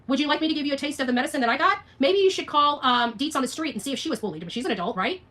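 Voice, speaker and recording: Answering viewer comments on a livestream, a woman with a high, bright voice launches into an unscripted rant with lively intonation. Her rapid, combative delivery leans on repetition and sharp rhetorical questions.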